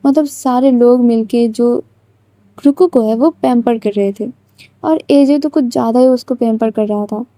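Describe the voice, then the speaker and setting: A woman's voice: on the high side, moderate pace, dark tone, no echo. A woman storyteller narrating a story in a chatty, casual way with many fillers.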